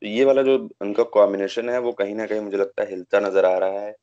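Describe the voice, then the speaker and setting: Fairly quick and flat, his lowish voice dark in tone, a young adult man hosts conversational cricket commentary over video call. He hesitates and searches for words in a small indoor room, with dull lo-fi audio.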